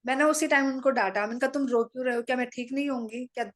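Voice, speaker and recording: A middle-aged woman calmly tells a personal story to a meditation audience, speaking matter-of-factly and acting out her own lines in conversations. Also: high-pitched, very fast. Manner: calm, matter-of-fact storytelling with quoted dialogue.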